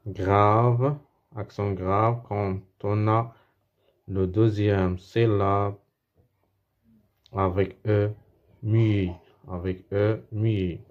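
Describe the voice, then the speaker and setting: A man with a Moroccan accent teaches a French spelling lesson to schoolchildren. His voice sits low and he talks very slowly, repeating words and circling back as he explains. The recording sounds dull and lo-fi. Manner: slow, repeats words and restarts while explaining.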